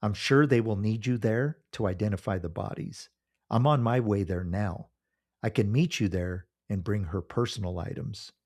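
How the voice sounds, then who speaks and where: A man's voice: on the low side, a little mellow, close to an everyday voice. A man playing a polite, sombre police officer in a narrated story, speaking formally and matter-of-factly. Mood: sombre, official. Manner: formal, measured, matter-of-fact. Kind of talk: scripted story dialogue.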